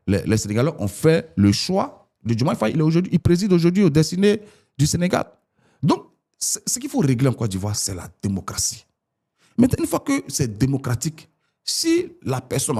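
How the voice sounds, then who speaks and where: Animated man in his forties. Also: gravelly. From Ivory Coast. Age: 40s. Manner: animated, rising pitch when arguing. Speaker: political guest. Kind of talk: political interview.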